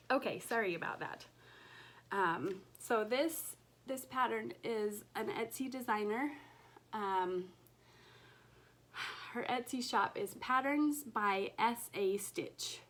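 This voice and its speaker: A woman recovering from an illness chats casually to camera as a cross-stitch vlogger at home, gushing and slipping into soft whispers over her stitching. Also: a little high, slow pace, long pauses. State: recovering from illness, voice recently lost.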